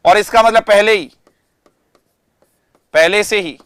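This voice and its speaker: Man, English vocabulary teacher, online lecture, explains in Hindi, slow stressed English examples, asks students questions, high voice, dry close sound. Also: a bit bright, clear, resonant tone, no room sound. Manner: addresses students directly, asks and answers himself.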